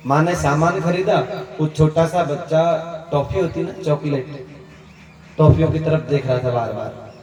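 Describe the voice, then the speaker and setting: Storytelling preacher in an echoey hall. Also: male voice, fairly high pitch, measured pace, darkish tone. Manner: storytelling preacher, acts out dialogue, chuckles to the crowd. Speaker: kathavachak. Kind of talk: Hindi katha sermon storytelling. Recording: echoey hall, distant mic, faint ambience.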